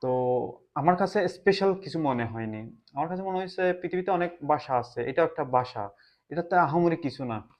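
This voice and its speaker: A man from Bangladesh with a Bangladeshi Bengali accent talks casually to the camera in a reflective way, often pausing to search for words. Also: a little high, expressive. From Chittagong, Bangladesh. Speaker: vlogger. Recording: slightly dull lo-fi sound.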